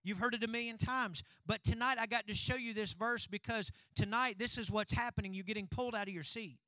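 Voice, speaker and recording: High, bright-voiced preaching man. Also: a little fast, no room sound, poor audio. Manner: call-and-response preaching, building to fervent shouting. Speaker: pastor. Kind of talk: sermon. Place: church sanctuary.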